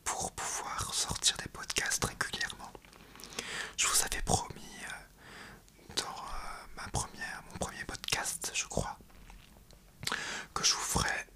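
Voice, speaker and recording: A young man hosting an ASMR podcast in a breathy, hesitant whisper, speaking right into the listener's ear. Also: sharp tone. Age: young adult. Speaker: podcast host.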